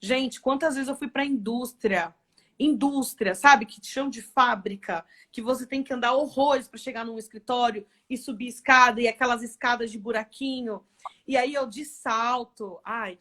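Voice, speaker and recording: Chatty woman executive, raised pitch. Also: normal speed. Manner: lively storytelling with frequent tag questions. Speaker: guest, e-commerce executive. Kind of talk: casual live interview chat.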